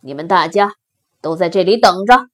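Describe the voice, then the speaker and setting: A woman voicing a calm, steady male lion in a children's story, speaking lower, firm and reassuring. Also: normal speed, lightly acted.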